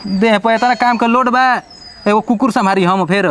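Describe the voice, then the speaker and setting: A woman's voice: a little high, fairly even intonation, moderate pace, a bit bright, a little hiss or hum. A woman with a Bhojpuri accent playing a scolding, coaxing mother-in-law in a scripted village comedy skit.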